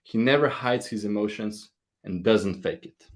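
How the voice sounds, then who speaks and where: A man speaks at a slightly low pitch. He delivers a prepared conference talk earnestly, a little nervous, with small grammar slips. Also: normal speed. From Slovenia.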